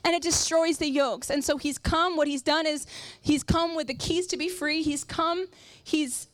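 A woman preacher with a high voice talks through a sermon illustration. She is emphatic and circles back on phrases to drive them home. The sound is dry, with little room on it. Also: no echo.

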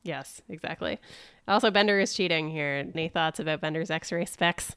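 Smooth low-voiced woman, dry close sound. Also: moderate pace, fairly bright tone, dry recording. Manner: laughs often, upbeat recapping. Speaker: podcast co-host. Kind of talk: casual chat.

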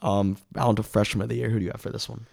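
A man hosting a casual sports preview podcast, his voice raspy as he is under the weather with a cough. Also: lowish voice, flat delivery, racing, darkish tone, dry recording, clean studio sound.

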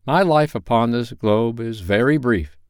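A man voicing a solemn, sorrowful, aging male Christmas spirit who delivers grave, forceful warnings. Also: mid-range voice, a little slow, clean tone, dry recording, studio quality, voice pushed up, lightly acted.

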